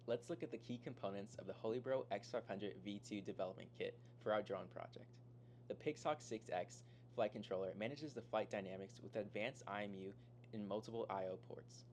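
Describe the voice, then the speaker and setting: A man's voice: lowish voice, fairly quick, darkish tone, a little hiss or hum. A teenage boy from Florida reading a scripted presentation, listing technical parts. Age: teens. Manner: reads technical lists. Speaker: student presenter.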